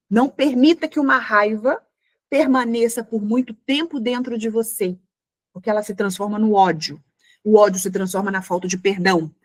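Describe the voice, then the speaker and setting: Speaking as a mentor to a women's community, a middle-aged woman from Brazil delivers an earnest motivational talk, voicing characters in small acted-out scenes. Her Brazilian Portuguese-accented voice is slightly high and a bit mellow, recorded dry.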